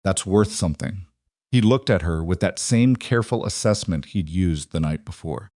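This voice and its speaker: In this scripted audiobook, a western is read by a man whose voice is truly deep, his storytelling steady and measured. The recording is close and dry, with no room ambience at all.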